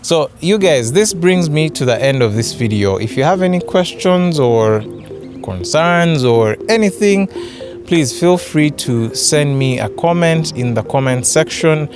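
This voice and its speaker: Slow-talking young Ugandan man vlogging. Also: on the high side, lively intonation, over music. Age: young adult. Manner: hesitant, repeats words. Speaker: photography vlogger. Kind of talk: casual camera review vlog. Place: open grassy yard outdoors.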